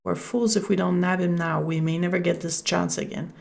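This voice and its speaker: A cautious Victorian doctor, the detective's loyal companion in a computer game, urges care, voiced by a French Canadian woman reading aloud. The voice is low and has a gravelly, fry-tinged edge. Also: fairly even intonation, brisk, a little mellow. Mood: urging. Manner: reading the game's dialogue.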